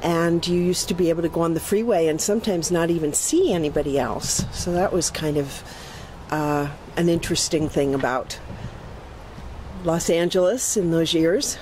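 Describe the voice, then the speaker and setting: A woman's voice: sits low, normal speed, darkish tone, slight background noise, low-quality recording. A woman in her sixties from England, thoughtfully recalling old times in a documentary interview.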